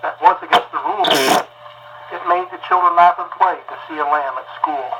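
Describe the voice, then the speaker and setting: A man's voice played back from an old wire recording, reciting a simple rhyme as a test. It sounds distant and sits under a steady hiss and hum. His pitch is a little above the usual for a man. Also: brisk, lo-fi sound. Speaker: hobbyist demonstrating a wire recorder. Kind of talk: casual hands-on demonstration.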